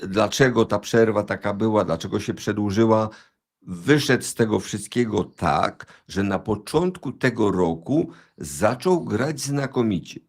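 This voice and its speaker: A man discussing tennis in casual chat, measured and analytical, with some hesitations. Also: fairly low pitch, lively intonation. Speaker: tennis pundit.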